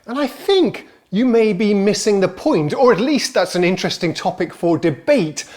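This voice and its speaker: A man's voice: high-pitched, animated, moderate pace, darkish tone. A man hosting his own music channel, talking casually to camera in a chatty, self-mocking way. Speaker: host. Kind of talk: casual presenter talk to camera.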